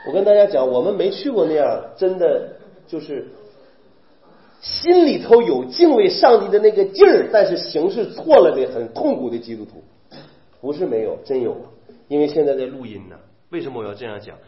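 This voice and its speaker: Male preacher, animated, full of rhetorical questions; roomy, dull recording. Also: a little high, normal speed. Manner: animated, rhetorical questions, mimics weeping believers. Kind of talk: sermon.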